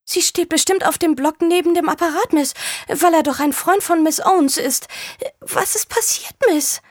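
A woman voicing a flustered, curious female vicarage helper who keeps asking questions in a high, breathless voice. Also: normal speed, no echo. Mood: anxious, nosy. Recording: dry close studio sound.

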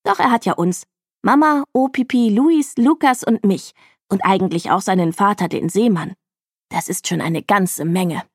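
A woman reading a children's book aloud as a first-person narrator, telling it expressively with lively rises in her voice. Her pitch sits in a middle range, and the recording is dry and close, with no echo. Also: normal speed, breathy edge. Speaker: audiobook reader.

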